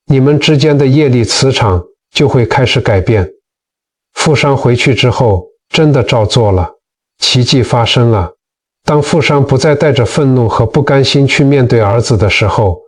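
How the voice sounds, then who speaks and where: A man's voice: mid-range voice, husky, recorded from a distance. A man narrating moral teaching stories from a script, speaking earnestly and addressing listeners as friends. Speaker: narrator of Buddhist teaching channel.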